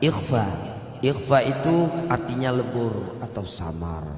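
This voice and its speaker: A man's voice: medium pitch, expressive, a little slow, fairly bright tone, distant mic. A man teaching Quran recitation, over-enunciating as he stresses and draws out syllables in sung demonstrations. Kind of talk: live online tajwid lesson with sung recitation demonstrations. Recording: echoey, reverberant room sound.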